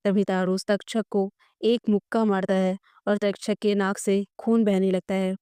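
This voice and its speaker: Warm woman narrating a story recap. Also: mid-range voice, level tone, moderate pace, clear, resonant tone, no echo, clean studio sound. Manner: reads all characters' lines in near her own voice.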